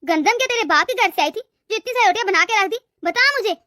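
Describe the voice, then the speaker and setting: Cartoon mother-in-law, a woman voicing her: harsh, bossy, scolding, very high and shrill, dry close sound. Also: lively intonation, fast talker, sharp tone, no echo, heavily acted. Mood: berating. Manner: scolding, berating. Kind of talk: cartoon story voice acting.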